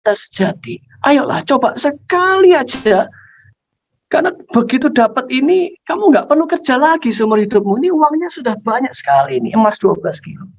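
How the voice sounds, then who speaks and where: A man's voice: high-pitched, big pitch swings, normal speed, pauses often, pitched above the performer's own voice. A preacher doing a coaxing thief father. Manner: coaxing, persuasive. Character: scheming father, master thief, persuasive. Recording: dull lo-fi recording.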